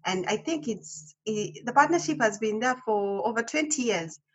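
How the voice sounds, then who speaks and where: A woman's voice: a little high, animated, moderate pace, breathy edge. A woman from Kenya, talking chattily as a guest missionary, with frequent hesitations. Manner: chatty, hesitant with many ums. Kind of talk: casual interview chat.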